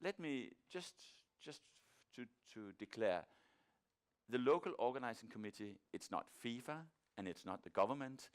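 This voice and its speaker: A man moderating a conference session, introducing speakers informally and haltingly as he searches for words. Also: mid-range voice, animated.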